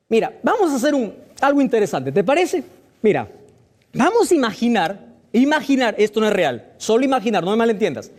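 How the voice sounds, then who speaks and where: A man's voice: very high voice, darkish tone. A pastor preaching a sermon, firing rhetorical questions at his listeners with emphatic delivery.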